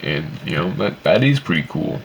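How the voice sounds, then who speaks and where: A man's voice: sits low, sing-song, moderate pace, gravelly, slight background noise. A man giving casual, opinionated game commentary in a rambling, sweary, complaining way. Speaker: video game reviewer.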